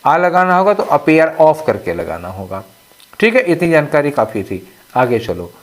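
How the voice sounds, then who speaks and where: A man's voice: a little high, very animated, normal speed. A man teaching English exam questions, explaining step by step and often checking that students follow. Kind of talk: exam question walkthrough lesson.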